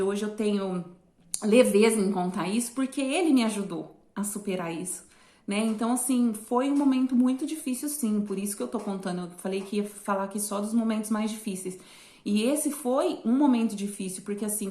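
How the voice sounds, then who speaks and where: A woman's voice: medium pitch, darkish tone. Brazilian woman vlogging in an echoey room. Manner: chatty, often addresses viewers and trails off with fillers. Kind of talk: candid personal storytelling to viewers. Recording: roomy echo.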